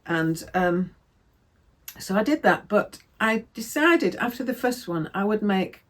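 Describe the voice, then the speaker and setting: A woman from England talks through her sewing projects in a relaxed, meandering way. She wanders off on side notes and stops to correct herself, and her voice sits at an ordinary middle pitch. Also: measured pace. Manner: chatty, rambling, self-correcting. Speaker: sewing vlogger. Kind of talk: casual crafting chat.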